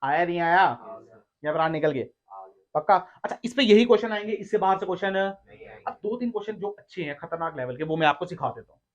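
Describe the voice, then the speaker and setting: A high-pitched male teacher runs a lively classroom lecture and keeps quizzing his students. He teases and scolds them in between questions. The recording sounds dull and lo-fi. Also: fast. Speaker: physics teacher. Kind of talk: classroom lecture with call-and-response.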